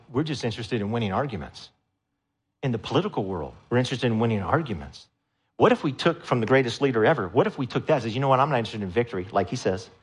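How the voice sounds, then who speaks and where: A man preaching a sermon to a congregation, animated and emphatic, with loud rising peaks. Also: medium pitch, slightly rough. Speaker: pastor.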